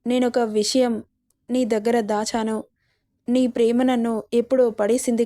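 A tearful young woman pleads and apologizes to the people she loves in a spoken romance, as a woman narrator gives her voice. The tone is warm and somewhat high, with little melody. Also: natural voice.

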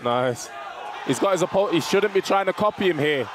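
High-voiced male fight co-commentator. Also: animated, a little fast, crowd noise, noisy background. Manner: admiring, repeats phrases.

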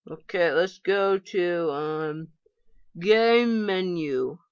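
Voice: mid-range voice, very slow, clear, resonant tone, no echo, highs cut off. A gamer giving casual let's-play commentary, chatty and talking to themselves with playful frustration. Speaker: gameplay commentator.

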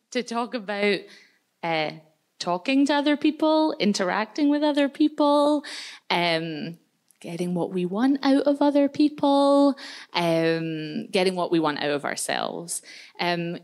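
A Scottish woman in her thirties presenting a workshop, chatting casually with lots of fillers into a handheld mic in a large community hall. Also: medium pitch. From Scotland. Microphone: handheld microphone.

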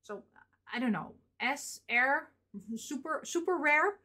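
A woman's voice: sits high, animated, slow pace, sharp tone. Woman, 30s, vlogger. Casual unboxing chatter, rambling, filler-heavy. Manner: chatty, rambling, frequent fillers and small laughs. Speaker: vlogger showing convention purchases.

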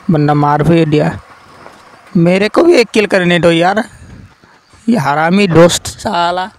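A man giving casual, excitable gameplay commentary, swearing and yelling at his teammates as he plays. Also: high voice, slight background noise, low-quality recording. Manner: excitable, swears and yells at teammates mid-game. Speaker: gaming commentator.

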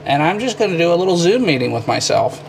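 A man's voice: fairly high pitch, sing-song, fast talker, vocal fry, a little hiss or hum. A man talking to the camera while working in a cramped attic, short of breath and muttering in bursts. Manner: talks in bursts between physical work, muttering frustration. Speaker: home DIY vlogger. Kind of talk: casual narration while working.

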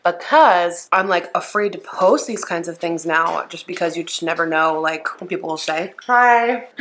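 Woman vlogger, lowish voice, chatty, eating while she talks. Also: moderate pace, fairly bright tone, a little hiss or hum, poor audio. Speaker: YouTuber. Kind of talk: casual eating chat video.

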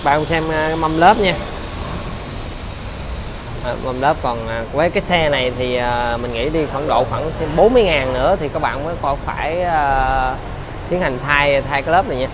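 A man with a southern Vietnamese accent giving a used-car sales walkaround, halting often with fillers as he talks. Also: a little high. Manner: halting, filler-heavy delivery. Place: large car detailing workshop. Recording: loud ambient hiss and vehicle noise. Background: steady workshop and vehicle noise.

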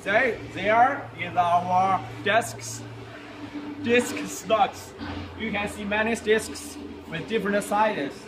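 In a large indoor factory warehouse, a young man gives a walking tour presentation in English, which he doesn't natively speak. His high-pitched voice moves slowly, stumbling over "uh" fillers and restarted phrases, with background noise present.

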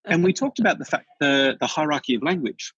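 An Australian man with a husky, middle-pitched voice chats casually as a podcast guest, telling anecdotes with lively energy and briskly restarting his sentences often. The dry, slightly dull recording sounds like a lo-fi remote call.

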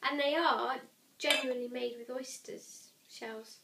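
A woman's voice: high voice, steady tone, unhurried, creaky. A young woman with a Welsh accent chatting casually as she reviews a beer. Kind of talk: casual chat. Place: home kitchen, indoors. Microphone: camera a few feet away. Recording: echoey kitchen, distant camera mic, faint noise.

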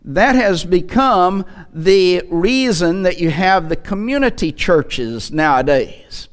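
Slow-paced and expressive, a man in his sixties with a voice that sits high preaches from a church pulpit on a headset mic. His emphatic delivery relies on rhetorical questions and repeated phrases.

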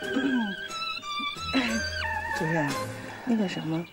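A woman's voice: on the low side, animated, slow. An actress with a Northeastern Mandarin accent playing a pushy, nosy village woman who nags and teases. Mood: insistent. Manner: insistent, nagging, teasing. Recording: music underneath.

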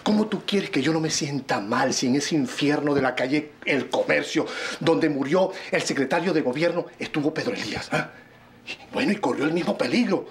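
A man's voice: fairly high pitch, animated, moderate pace, a little hiss or hum. A defensive, agitated father. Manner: agitated, defensive, repeats denials. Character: stressed father fretting over his son. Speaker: father Julio de Jesús. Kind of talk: telenovela acting.

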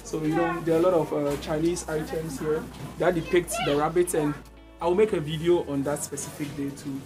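Young man, casual shopping vlog, talks straight to viewers, loud background music, handheld phone. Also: fairly high pitch, little pitch movement, a little fast. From Ghana. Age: young adult. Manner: chatty, addresses viewers directly, frequent restarts. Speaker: vlogger. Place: large indoor supermarket. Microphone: handheld phone camera, walking.

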